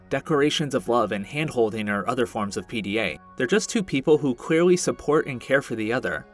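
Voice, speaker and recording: Man, video essayist, earnest and reflective commentary, mid-pitched voice, faint music underneath. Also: a bit bright. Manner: earnest, reflective and self-deprecating. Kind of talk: scripted commentary.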